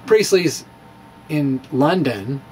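A middle-aged man, a physics blogger, dramatically reads his blog aloud into a close microphone, adding informal storytelling asides in an animated, mid-range voice at an extremely slow pace. He sits in a small indoor room with bookshelves, speaking into a handheld-style mic on a stand just in front of him. The recording is low quality, with clearly audible background room noise.

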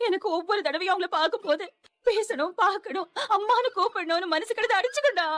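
A woman's voice: extremely high pitch, animated, fast, a bit bright, no room sound. An actress playing a grown daughter who is crying and pleading over her mother in a TV serial. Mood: tearful. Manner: sobbing, pleading. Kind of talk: TV serial acting.

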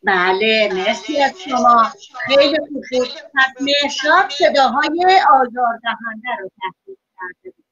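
A woman's voice: high voice, animated, a bit bright. A woman teaching children in an online class, praising and encouraging each pupil by name. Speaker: schoolteacher. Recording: dull lo-fi online call audio.

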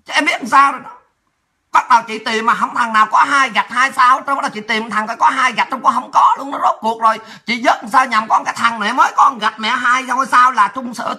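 Brash fast-talking woman. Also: sits high. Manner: brash, profane, laughs and shouts often. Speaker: political livestreamer. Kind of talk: ranting monologue.

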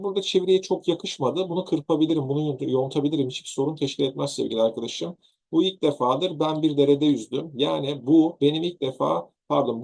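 Gravelly-voiced Turkish teacher explaining grammar. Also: male voice, on the high side, darkish tone. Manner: explains patiently, repeats and rephrases examples. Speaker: English exam teacher. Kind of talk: online grammar lesson.

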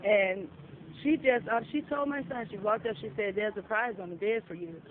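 Recorded outdoors on a phone, with tinny audio and faint noise, a woman who lives at a shelter tells a story in casual conversation. Her voice sits at medium pitch and moves at a moderate pace, and she's blunt and profane, acting out the lines she quotes.

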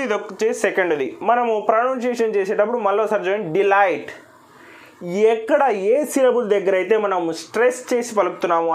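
A man from Andhra Pradesh teaching an English lesson in a patient, step-by-step way, saying each example word slowly several times. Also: sits high. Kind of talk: recorded classroom lesson.

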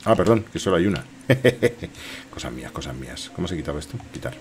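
Low-pitched middle-aged Spanish man streaming games. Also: expressive, fast, a little hiss or hum. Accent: Spanish from Spain. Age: 50s. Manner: jokey, muttering to himself, echoing the game's lines. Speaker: game streamer. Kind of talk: casual gameplay commentary. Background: game music.

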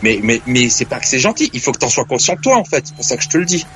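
A man's voice: mid-range voice, sing-song, fast, fairly bright tone, slight background noise. Earnest male caller giving advice. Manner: earnest, insistent, hesitant restarts. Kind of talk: phone-in advice.

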